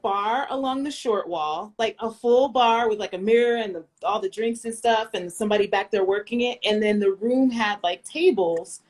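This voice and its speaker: An American woman chatting casually, telling a lively story full of fillers and asides. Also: mid-range voice, normal speed, few pauses. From United States. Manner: animated storyteller, lots of fillers. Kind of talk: casual chat.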